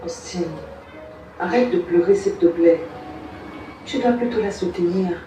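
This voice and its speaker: A woman playing a calm, firm mother who lectures and soothes. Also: lowish voice, measured pace, lightly acted. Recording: echoey room, far off, faint music.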